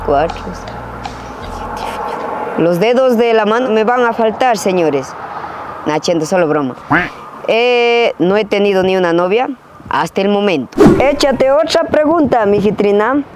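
A young vlogger hosts a casual Q&A outdoors on a rural hillside, speaking playfully and teasingly in slang to a camera a few feet away. His high-pitched voice is expressive and a little slow. Outdoor ambience and passing traffic can be heard.

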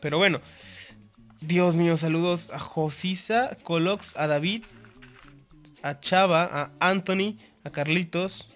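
A man's voice: a little high, unhurried, fairly bright tone, faint music behind. A man with a Mexican accent giving live gameplay commentary, chatty and constantly greeting viewers. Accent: Mexican Spanish. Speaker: gaming YouTuber.

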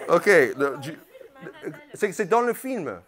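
A man's voice: fairly high pitch, very animated, slow pace, fairly bright tone. A man, doing playful stand-up crowd work on a comedy club stage, teasing and mock-outraged. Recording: live club audience audible.

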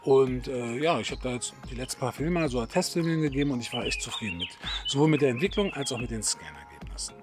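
A man's voice: medium pitch, sing-song, fast, few pauses, over music. A middle-aged man from Berlin talking casually to camera as a photography host, chatty and hesitant with many fillers. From Berlin, Germany.

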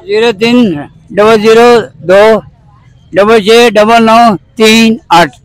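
An older man selling at an outdoor street market speaks very slowly and deliberately, with a fairly high voice. The sound is dry and close. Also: smooth, no room sound, low-quality recording. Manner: slow, reading out a phone number. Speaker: market vendor.

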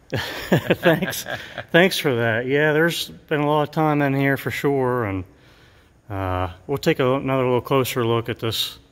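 Touring his murals in an empty school gymnasium, a middle-aged man talks casually and fills his speech with fillers. His voice sits in the mid range, smooth and unhurried. Long reverb from the gym colors the recording.

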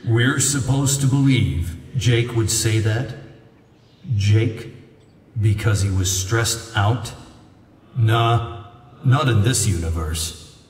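A man's voice: on the low side, flat delivery, slow pace, few pauses. A man voicing a skeptical, blunt teenage boy in a fan audiobook, scoffing as he talks. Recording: echoey, reverberant, distant, with background noise.

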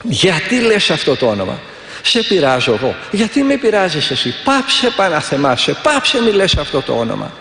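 Man acting out a tormented demon, high shrieking cries, shrill and pleading, long hall echo. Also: big pitch swings, pushed and bright, exaggerated voice. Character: howling, tormented demon speaking from within a possessed monk. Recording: echoey, reverberant hall.

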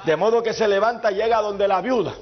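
A man preaching a fervent sermon in church, peppering it with hallelujahs and breaking into shouts. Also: sits high, fast talker. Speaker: pastor. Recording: dull lo-fi church recording.

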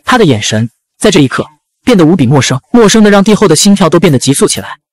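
A man narrating a dramatic fantasy audiobook in a brisk storytelling manner. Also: high-pitched, sing-song, no echo.

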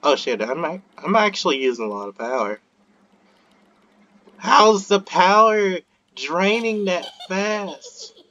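A man's voice: sits high, expressive, slow pace, bright, forceful tone, lo-fi sound. A man giving casual let's-play commentary, joking, swearing and talking to the game. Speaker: gameplay commentator.

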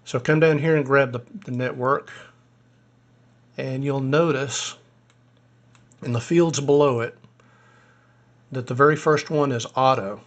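A ham radio hobbyist demonstrates software in a screen-recorded tutorial, walking through each step at an easy pace and pausing to think aloud, as if recording at his desktop computer. His middle-pitched voice is a little hoarse, and his intonation stays fairly even. The audio sounds dull.

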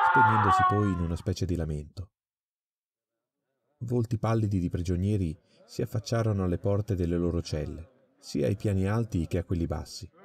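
A man reading a crime story aloud in a measured, dramatic storytelling manner. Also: low-pitched, creaky. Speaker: audiobook reader. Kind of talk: scripted story narration.

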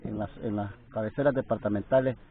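Distant man asking measured questions. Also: on the low side, steady tone, background noise. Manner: long, measured, formal questions. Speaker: interviewer. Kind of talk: journalistic questioning. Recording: distant, tinny phone-like sound.

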